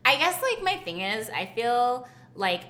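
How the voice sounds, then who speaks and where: A chatty woman co-hosting a comedy talk show, her voice high and bright and swinging up and down a lot. She rambles and fills her talk with "like". The room around her sounds echoey. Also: very animated, measured pace. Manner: chatty, peppers speech with "like". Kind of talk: improvised comedy chat.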